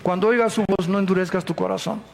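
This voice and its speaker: A pastor with a Mexican Spanish accent preaching a sermon. He is emphatic and folksy, asks his listeners rhetorical questions and swings from soft low asides to sudden loud outbursts. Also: steady tone, fast talker, gravelly, a little hiss or hum.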